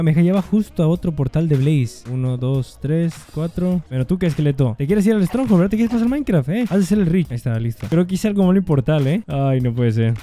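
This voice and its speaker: A young man giving casual gameplay commentary, chatting to game creatures and repeating words in quick bursts. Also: fairly high pitch, mellow. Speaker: gaming YouTuber.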